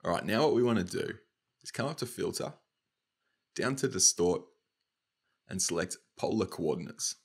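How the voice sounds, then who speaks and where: A young Australian man with a slightly nasal, stuffy voice, casually talking through a software tutorial step by step. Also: low-pitched, expressive, normal speed, pauses often, breathy edge. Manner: casual, upbeat, talks through each click. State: nasal from hay fever. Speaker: motion design tutor.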